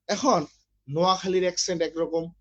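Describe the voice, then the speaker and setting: A man's voice: high-pitched, steady tone, normal speed, dull audio. A man from Bangladesh teaching an online literature class, explaining step by step and often checking with his students.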